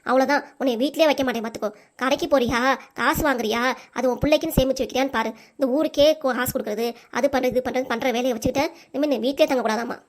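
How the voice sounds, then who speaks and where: A woman voicing an angry mother and wife in a cartoon, scolding sharply and without pause. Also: high voice, natural voice. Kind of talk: cartoon voice acting.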